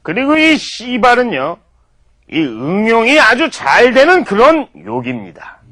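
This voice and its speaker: High bright mock-lecturing man. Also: very animated, measured pace. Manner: mock-formal lecturing, peppered with profanity. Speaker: comedy lecturer.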